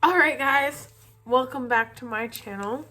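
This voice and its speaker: Young female makeup vlogger, higher-pitched, giggly drunk, loose casual chat. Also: a little slow, sharp tone. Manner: giggly tipsy drunk, breaking into laughter.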